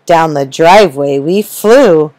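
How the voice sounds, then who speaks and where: A woman narrating a rhyming children's story, gentle and rhythmic. Her voice sits low and moves at an unhurried pace. The recording is dry and close. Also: lively intonation, dry recording, rough recording. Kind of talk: children's story reading in rhyme.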